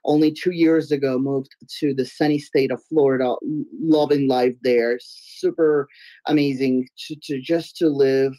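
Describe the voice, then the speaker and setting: Speaking a little slowly in an extremely low-pitched voice, a giggly, slightly nasal woman from Belarus chats in a casual interview as a guest artist. Her first language is Russian, and she can get expressive and occasionally loud. She's on a webcam video call from a room at home, and the sound is poor though echo-free.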